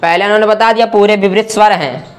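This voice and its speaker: A man's voice: high voice, quick pace. A man teaching Sanskrit grammar as a lesson, asking questions and answering them himself and checking often that the listener follows. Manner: asks and answers his own questions, checks understanding often. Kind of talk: classroom explanation.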